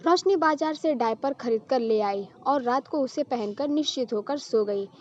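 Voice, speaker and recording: Brief: female storyteller, slightly high voice, scripted narration, muffled lo-fi audio. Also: animated, moderate pace, darkish tone.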